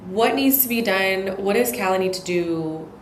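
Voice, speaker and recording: A young married woman, a podcast guest talking in a halting, reflective way. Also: medium pitch, lively intonation, roomy sound, slight background noise. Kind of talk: casual chat.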